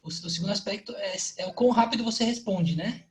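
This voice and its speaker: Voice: medium pitch, fast talker, rough recording. A guest speaker explaining a point in a casual online training, often repeating words while thinking.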